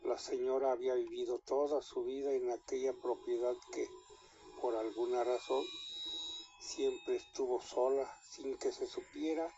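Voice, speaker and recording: A man with a Mexican accent telling a scary story in an unhurried way, with small restarts mid-sentence. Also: mid-range voice, steady tone, warm tone, dull audio, slight background noise.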